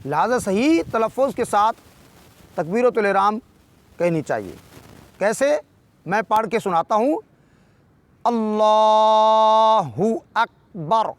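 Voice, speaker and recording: A man with a Pakistani Urdu accent teaching correct Quran pronunciation, explaining rules and then reciting words slowly and drawn out, his voice dropping low at the end of his sentences. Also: big pitch swings, dry recording. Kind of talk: tajweed lesson with slow demonstrations.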